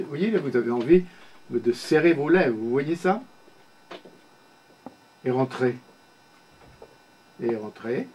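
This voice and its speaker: An older man leads a one-on-one speech therapy session, patiently giving short spoken commands and often asking "you see?" to check that his pupil follows. His voice is medium-pitched and darkish, in a low-quality recording with a little hiss or hum.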